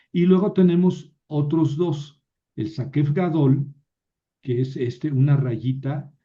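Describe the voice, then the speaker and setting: Male teacher, slow and patient, mid-pitched voice, hesitant fillers. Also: mellow, dull audio. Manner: patient, explaining step by step with many "eh" fillers; stumbles and restarts words mid-sentence. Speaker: Biblical Hebrew teacher. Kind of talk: recorded online lesson.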